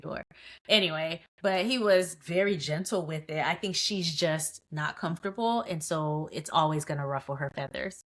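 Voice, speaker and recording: Opinionated woman podcast co-host, low voice. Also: normal speed, fairly bright tone. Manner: opinionated, rhetorical questions. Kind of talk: casual recap chat.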